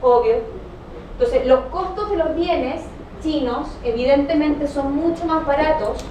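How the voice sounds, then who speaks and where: A woman's voice: high-pitched, measured pace, darkish tone. A woman lecturer teaching a class in a didactic way, often checking that students follow with short tag questions. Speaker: economics lecturer. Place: classroom, recorded from a distance. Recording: echoey room, distant mic, noisy background.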